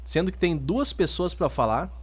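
A man's voice: fairly high pitch, lively intonation, moderate pace, husky. A man with a southern Brazilian accent clowning playfully in comic radio banter. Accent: southern Brazilian, Rio Grande do Sul. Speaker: radio show regular. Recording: music bed behind the voice.

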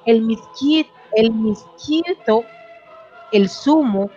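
A woman's voice: a little high, extremely slow, mellow, breathy edge, faint music behind. A woman co-hosting a show, presenting facts about countries and laughing easily at her partner's jokes. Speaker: radio co-host. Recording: dry, dull lo-fi sound.

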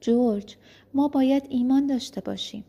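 A woman's voice: sits high, warm tone, dull audio, pitched above the performer's own voice. A woman voicing a frightened young wife who anxiously pleads with her husband. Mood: pleading.

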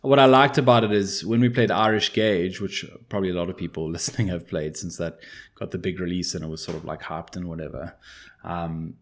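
A South African man with a low-pitched voice talks casually as a podcast co-host. He rambles along informally, using slang as he chats about games. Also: fairly even intonation, brisk.

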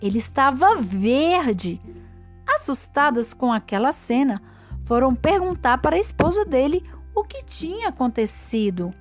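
A woman tells a story to small children in an animated, expressive read-aloud style. Her voice sits fairly high and swings widely in pitch, and she goes very slowly and carefully. Music plays behind her. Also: muffled recording. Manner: animated, slow and careful, addressing children affectionately as little friends. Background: background music.

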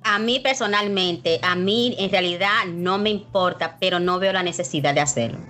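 A woman co-hosting a casual chat, emphatic and quick to make her point. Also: on the low side, a bit bright, slight background noise. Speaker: co-host.

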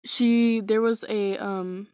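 Slow, hesitant woman telling a story. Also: mid-range voice, fairly even intonation, warm tone, no echo, studio quality. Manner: hesitant, many fillers and restarts; wry, self-mocking. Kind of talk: casual personal storytelling.

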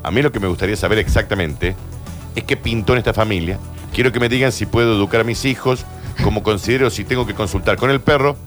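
Man, lowish voice, fast and lively, chatty host, faint music. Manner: fast, chatty news retelling. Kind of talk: casual chat.

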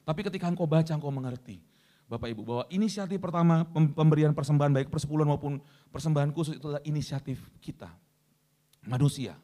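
Quick preacher guy, kinda high voice, loud bits then quiet asides, keeps asking for amens. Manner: swings between loud high emphasis and low quiet asides; keeps addressing the congregation and calling for amens. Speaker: pastor. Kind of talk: sermon.

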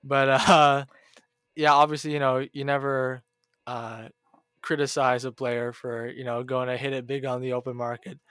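A man co-hosting a casual sports podcast, talking hockey in an animated way. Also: medium pitch, normal speed, clear, resonant tone, no room sound, clean studio sound. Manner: animated, mimics fans in a whiny voice. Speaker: podcast co-host.

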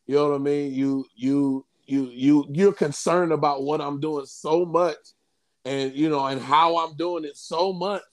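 A man, chatting casually and halting often with fillers like "you know what I'm saying.". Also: a little high, steady tone. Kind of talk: casual conversation.

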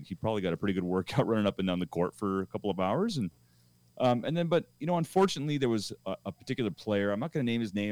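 A man's voice: fairly low pitch, darkish tone, dry recording. A middle-aged man hosting a podcast, telling a rambling anecdote in a casual way with many restarts. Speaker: podcast host.

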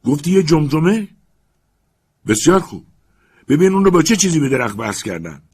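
A man voicing an excitable, obsessed master who shouts urgent commands up a tree. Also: a little high, slightly rough, voice pushed up. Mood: urgent, commanding.

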